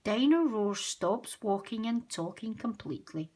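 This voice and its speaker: A woman reading a children's storybook aloud as host of a story time, gentle and expressive. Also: medium pitch, a little slow, husky. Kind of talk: children's read-aloud narration.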